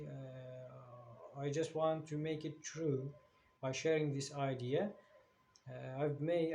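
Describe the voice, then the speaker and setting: Introducing his new channel in English, his second language after Arabic, this English teacher from Syria speaks hesitantly with many fillers and restarts. His voice is mid-range and a little mellow, over faint background noise.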